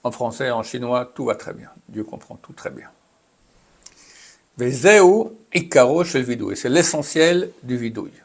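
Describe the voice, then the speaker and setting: A mid-range male voice moves at a moderate pace with hardly any pauses as a rabbi teaches his class. In this Torah lesson he reads Hebrew passages aloud, translates them, and explains them conversationally, dropping in chatty asides.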